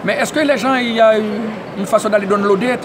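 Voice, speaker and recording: A man who interviews at an event, excitable and tagging nearly every phrase with "hein?". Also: high-pitched, fast talker. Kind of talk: casual community media interview. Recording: noisy crowded public event. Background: crowd chatter.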